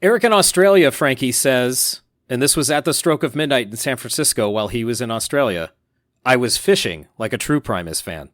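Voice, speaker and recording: A man co-hosting a casual podcast, reading listener messages aloud in an upbeat, animated way. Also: medium pitch, a little fast, dry recording, clean studio sound. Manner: upbeat, reads quotes aloud with animated emphasis.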